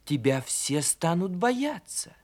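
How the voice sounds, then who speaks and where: A kindly meddling star woman from a storybook, soft and wondering, her lines drawn out slowly and pitched a little high, as a man puts her on. She sounds gentle and curious rather than stern. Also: very animated, exaggerated voice. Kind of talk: storybook reading.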